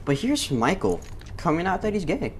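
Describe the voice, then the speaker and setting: A man's voice: high-pitched, wildly swooping pitch, normal speed, slight background noise. Rambling, profane gamer guy. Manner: rambling, profane, many fillers. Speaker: gaming YouTuber. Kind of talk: casual commentary over gameplay.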